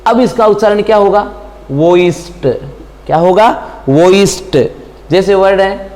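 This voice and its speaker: Male teacher, high voice, classroom lesson style, lingering reverb on the recording. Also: fairly even intonation, fairly quick, a little mellow. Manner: repeats questions to students and answers them himself. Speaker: English teacher.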